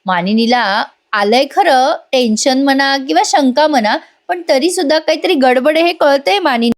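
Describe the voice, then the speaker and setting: A woman's voice: high-pitched, moderate pace. A woman narrating a chatty voice-over recap of a TV serial, reading out the characters' lines and talking directly to her viewers.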